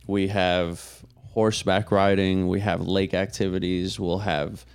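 A man speaking as a podcast guest, explaining his events in casual, measured talk, point by point. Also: low voice, level tone, smooth. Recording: music playing behind the voice.

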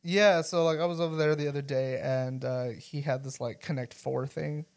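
A man's voice: fairly high pitch, steady tone, moderate pace. A young man, a podcast host and father, chatting casually and telling rambling stories, laughing often and filling his talk with "like". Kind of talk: casual chat.

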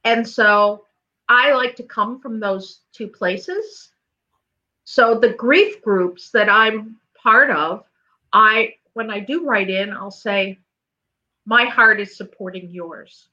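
A woman grief coach co-hosting a chat show, speaking in a gentle, careful, reflective way. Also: mid-range voice, slow pace, muffled recording. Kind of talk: casual conversation.

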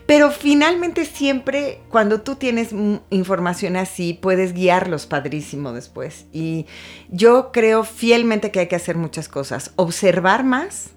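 A woman's voice: mid-range voice, slow. A middle-aged woman, chatting casually and acting out quotes as she tells stories. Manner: animated storytelling, acts out quotes. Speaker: guest. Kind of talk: casual chat.

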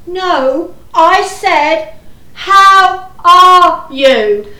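A woman playing a kindly neighbour who repeats herself loudly and slowly to a deaf friend. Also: very high voice, animated, reverberant, heavily acted, low-quality recording. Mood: patient. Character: kindly neighbour woman, patient but exasperated.

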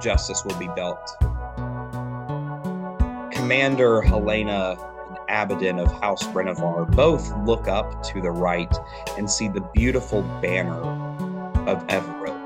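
A man's voice: sits low, normal speed, over loud music. A man narrating descriptively as game master of a tabletop role-playing game.

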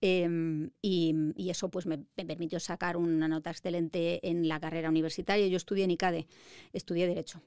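In a dry, studio-quality recording, a woman in her fifties speaks fairly quickly in a fairly low, smooth, darkish voice with little pitch movement. She's a Madrid-accented lawyer from Spain, confidently and articulately recounting her story as an interview guest.

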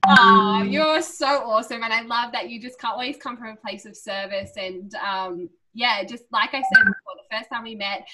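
A young woman hosts a casual podcast interview, bubbly and effusive, gushing with praise for her guest. Her medium-pitched voice is pushed and bright, and the recording quality is low.

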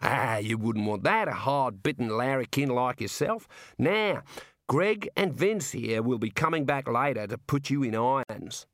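In a storybook reading, a man voices a cheerful, chatty prison warder with an Australian accent, breezy and matey, jovially morbid and folksy. His medium-pitched voice is animated, unhurried and a bit bright, recorded in studio quality with no echo.

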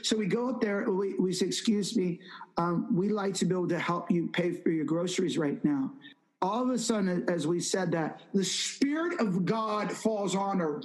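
A man with a light, high voice recounts a testimony as an interview guest. He tells it with animated, emphatic repetition and slips into acting out the people he quotes. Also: rough recording. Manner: animated storyteller who acts out quoted speech. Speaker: evangelist guest.

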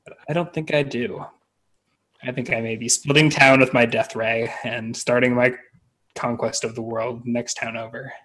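A man plays a tabletop role-playing game, describing his moves in casual chat. His pitch is average, and he thinks aloud with a wry manner. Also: level tone, normal speed, a bit bright, poor audio.

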